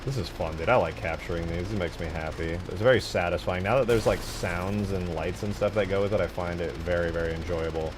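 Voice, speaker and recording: A man with a deep voice speaks briskly with hardly any pauses, background noise audible, as he builds game mods on stream. His casual chatter is laid-back, slangy and profane.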